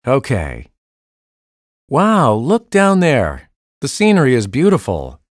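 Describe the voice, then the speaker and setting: A man voicing the male parts of a school listening test with clear, evenly paced delivery. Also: mid-range voice, huge pitch swings, slow, dry recording. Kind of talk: scripted test dialogue reading. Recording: dry studio recording.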